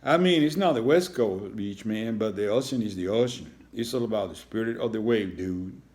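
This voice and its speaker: A man's voice: medium pitch, expressive, moderate pace, a little mellow, lightly acted. Storybook turtle kid, surfer drawl, laid-back, read by a man.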